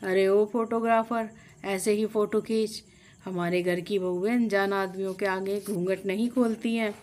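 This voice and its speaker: A woman's voice: medium pitch, a little slow, mellow, a little hiss or hum, natural voice. Woman voicing a bossy strict mother-in-law. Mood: angry. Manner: scolding, commanding.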